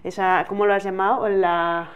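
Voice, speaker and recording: A woman's voice: medium pitch, level tone, moderate pace, smooth, lo-fi sound. A woman with a Spain Spanish accent co-hosting a book channel, giving frank opinions and laughing easily. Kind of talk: book review chat.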